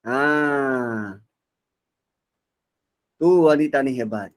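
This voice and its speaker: A man giving a Quran reflection lecture. He is expressive and swings between soft and loud delivery. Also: mid-range voice, drawn-out words. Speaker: religious teacher.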